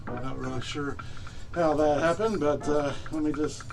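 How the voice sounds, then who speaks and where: A man's voice: a little high, fairly even intonation, moderate pace, gravelly, crowd noise. A man presenting magic tricks as patter to an audience, with the playful, mock-bumbling earnestness of a kids' party magician.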